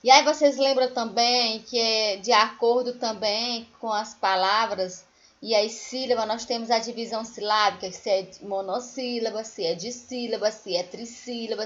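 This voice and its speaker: A woman primary school teacher, giving a recorded remote lesson to children, explaining patiently and singing example words slowly. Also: a little high, a bit bright, highs cut off.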